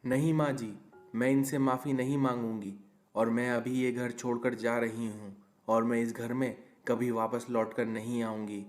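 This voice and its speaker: A man's voice: medium pitch, little pitch movement, normal speed, soft background music, lightly acted. A man voicing an angry young wife. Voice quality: indignant, complaining. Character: young newlywed wife, quick-tempered and demanding. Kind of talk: cartoon story voice acting.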